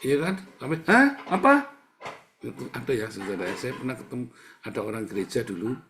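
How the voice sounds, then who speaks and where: A man's voice: mid-range voice, quick pace, noisy background. Guy preaching, talks like a chat but hammers his points over and over. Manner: conversational, emphatic, repeats words for stress. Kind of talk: sermon.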